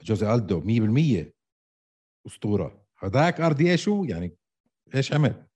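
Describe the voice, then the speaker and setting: Male sports debater, Palestinian-Jordanian Arabic accent, husky, very lively intonation, argumentative and insistent. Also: fairly low pitch, fast talker. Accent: Palestinian or Jordanian Levantine Arabic. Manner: argumentative, repeats himself insistently.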